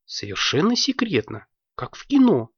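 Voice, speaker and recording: Reader putting on a timid little witch girl, soft and raised, a touch gravelly. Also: mid-range voice, huge pitch swings, normal speed, dry recording, lo-fi sound, pitched above the performer's own voice, exaggerated voice. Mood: shy. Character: shy, gentle young girl wizard.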